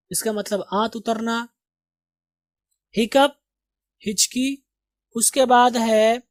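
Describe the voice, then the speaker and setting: A woman teaching English vocabulary, saying each word slowly and quizzing her learners on how to pronounce it. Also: a little high, no room sound. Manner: slow, deliberate pronunciation drills with quiz questions. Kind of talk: vocabulary lesson.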